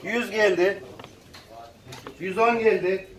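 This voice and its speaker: Male auctioneer calling bids over and over, pretty high voice, far from mic w people around. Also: steady tone, takes it slowly, slight background noise. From Turkey, Konya region. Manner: repetitive chanted bid calls. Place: echoey auction room with audience. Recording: echoey hall, distant mic, crowd chatter.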